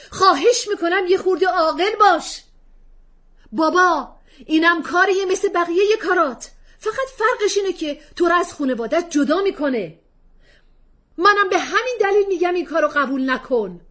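A woman reading a story aloud, voicing an angry middle-aged father who shouts at his wife at dinner. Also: very high-pitched, expressive, voice pushed up.

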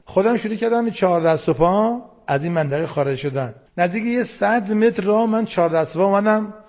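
A man's voice: high voice, a little mellow. A man, a war veteran, recounting his memories in a plain matter-of-fact way. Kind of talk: spoken testimony.

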